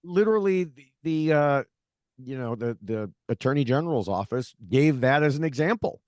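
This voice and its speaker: A man's voice: mid-range voice, animated, normal speed, a little mellow, no echo, studio quality. A man co-hosting a political podcast, talking casually with sarcasm and exasperation and lots of fillers. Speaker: podcast co-host.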